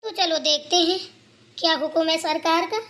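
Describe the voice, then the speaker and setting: A woman's voice: extremely high pitch, steady tone, moderate pace, a bit bright. A woman voicing a dutiful, chatty young daughter-in-law in a cartoon who explains herself at length. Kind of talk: cartoon voice acting.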